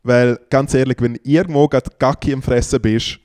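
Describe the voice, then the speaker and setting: A man's voice: mid-range voice, fairly even intonation, normal speed, darkish tone, smooth. A man, chatting casually as a podcast co-host and telling long stories full of fillers. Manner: rambling storyteller, many fillers. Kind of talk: casual chat.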